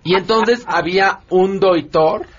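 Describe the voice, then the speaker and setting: Hombre mexicano contando chistes en la radio. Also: male voice, high voice, takes it slowly. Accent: Mexican Spanish. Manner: animated storyteller, joking. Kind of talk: casual comedic chat. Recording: dull lo-fi radio audio.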